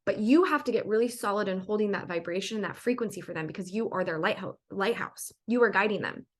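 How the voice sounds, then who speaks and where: A woman's voice: medium pitch, fast. A young woman giving a spiritual teaching to her channel's viewers, rambling and chatty, with lots of "like" and "right?". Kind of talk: casual spiritual teaching monologue.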